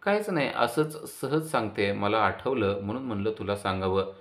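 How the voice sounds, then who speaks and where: A man's voice: fairly low pitch, animated, normal speed, fairly bright tone. A man voicing a grown woman, an affectionate elder sister who scolds and teases her younger brother. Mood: fond. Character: adult woman, loving elder sister, teasing.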